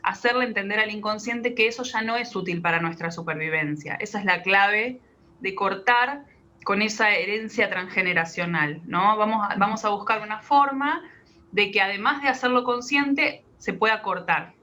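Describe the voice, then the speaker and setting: Woman, bright tone, calm explainer, interview guest. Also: mid-range voice, normal speed, dull audio. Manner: calm, patient, explains step by step. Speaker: guest, biodecoding practitioner.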